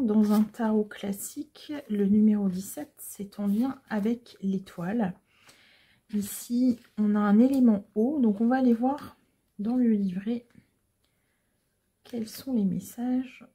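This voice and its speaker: Tarot reader, female, warm dark tone and slightly raised pitch, gentle and unhurried, pausing often as she explains. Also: husky. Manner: gentle, hesitant explaining with frequent pauses. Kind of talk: casual tarot reading to viewers.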